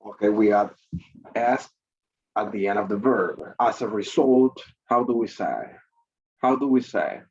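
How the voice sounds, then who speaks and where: A man's voice: lowish voice, a little slow, slightly rough, lo-fi sound. A male English teacher running an online class, repeating points and prompting students with questions over a video call.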